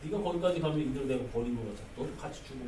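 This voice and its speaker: A man's voice: medium pitch, mellow, recorded from a distance, slight background noise, voice pushed down, lightly acted. A man voicing God as a stern, grave figure rebuking His servant, in a roomy church sanctuary. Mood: stern rebuke. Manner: grave, reproachful, slow.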